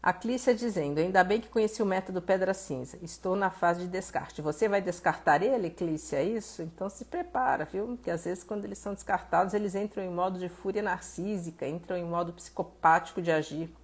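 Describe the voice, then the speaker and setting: Husky-voiced Brazilian woman therapist. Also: on the low side, brisk, few pauses. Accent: Brazilian Portuguese. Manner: animated, conversational, reads viewer messages aloud and acts out exclamations. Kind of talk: live stream answering viewers' comments.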